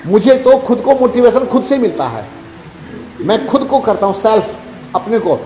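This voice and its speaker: A man's voice: high voice, big pitch swings, moderate pace, mellow. A man giving health and meditation advice in a preachy way, repeating phrases and asking rhetorical questions. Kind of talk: advice talk to a listener. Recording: roomy echo, long reverb, faint music.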